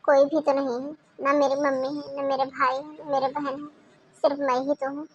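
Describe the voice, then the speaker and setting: A woman voicing a patient, dutiful young daughter-in-law in a cartoon, speaking in a soft, pleading, subdued way. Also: sits high, flat delivery, moderate pace, highs cut off, a little hiss or hum, lightly acted. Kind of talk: Hindi cartoon voice acting.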